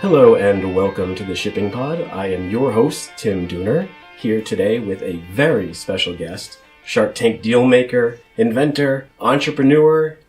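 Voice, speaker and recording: A man's voice: lowish voice, animated, unhurried, hardly any pauses, a little mellow, soft background music. A man in his thirties hosting a podcast interview, friendly and rambling, with frequent restarts. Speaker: podcast host. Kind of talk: casual interview.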